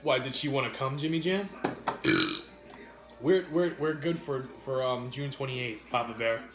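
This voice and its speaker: A man chatting casually as he co-hosts an eating show, with halting, repeated words and some mild swearing. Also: medium pitch, music in the background. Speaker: mukbang co-host. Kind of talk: casual chat while eating, answering viewers. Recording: roomy, echoey indoor sound.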